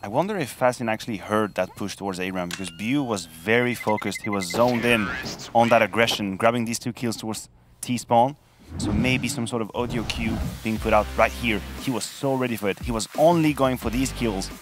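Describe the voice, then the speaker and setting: Low-voiced male esports caster over game gunfire. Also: a little fast. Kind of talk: live esports match commentary. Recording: gunfire and game noise behind voice. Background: video game gunfire and clicks.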